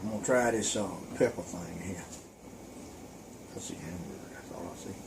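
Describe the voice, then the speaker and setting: A man's voice: low voice, normal speed, vocal fry, heavy background noise. A man, casually and bluntly giving his opinion on food while eating. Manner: blunt, folksy, dry humor, talks with mouth full. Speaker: taste tester, host's husband.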